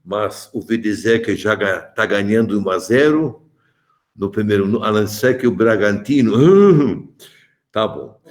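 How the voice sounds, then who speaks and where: A man's voice: on the low side, expressive, unhurried. A man in his seventies from Malta, a bishop giving a joking, chatty catechesis talk to adults and calling on them by name. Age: 70s.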